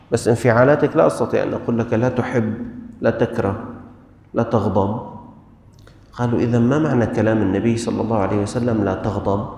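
A man's voice: mid-range voice, warm tone. Man teaching a religious lesson in an echoey hall. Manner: explains with rhetorical questions and everyday examples. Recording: strong echo with long hall reverb.

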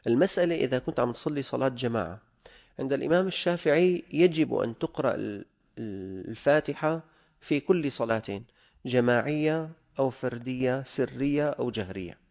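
A man's voice: medium pitch, brisk, vocal fry, darkish tone, dull audio. A man with a Levantine Arabic accent, teaching religious law. He reads a classical text aloud and explains it in dialect.

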